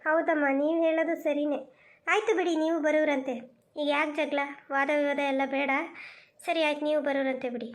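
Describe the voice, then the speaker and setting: A woman's voice: high voice, flat delivery, brisk, close to an everyday voice. A woman doing a coaxing young daughter-in-law. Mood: placating. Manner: coaxing, placating. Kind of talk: cartoon voice acting.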